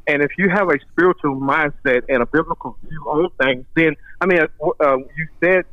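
A man's voice: a little high, fairly quick, no room sound, highs cut off. A man, a guest telling his story in an earnest, devout way and quoting scripture. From Texas. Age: 30s. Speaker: guest, rancher and maintenance manager. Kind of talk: casual interview storytelling.

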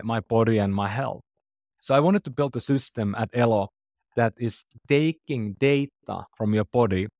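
A Finnish man in his forties, a startup founder, is the guest in a conversational interview. He is earnest, and his phrasing is loose, with frequent restarts. His mid-range voice is gravelly and darkish, recorded dry with no room sound.

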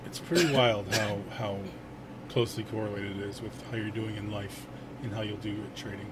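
A man chatting casually on a podcast, blunt and informal, often halting and repeating his words. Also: on the low side, steady tone. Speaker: podcast co-host and trading mentor. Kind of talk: casual chat. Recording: clearly noisy recording.

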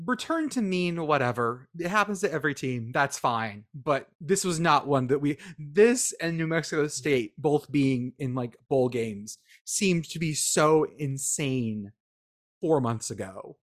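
Brief: sarcastic male podcast co-host, animated, lively delivery. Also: fairly high pitch, a little slow. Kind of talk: casual sports chat.

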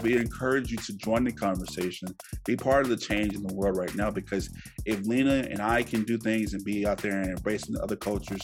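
Low-voiced casual male podcast host. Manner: loose and chatty, many fillers and restarts; upbeat sign-off plugs.

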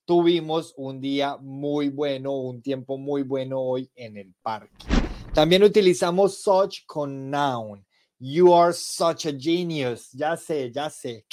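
Slow-paced man teaching English. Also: medium pitch, darkish tone. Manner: slow explanations switching between Spanish and English examples. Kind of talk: podcast language lesson.

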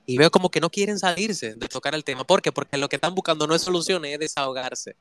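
A man's voice: a little high, quick pace, a bit bright, dry recording. A man giving a motivational talk, emphatic and asking his listeners rhetorical questions. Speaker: motivational speaker.

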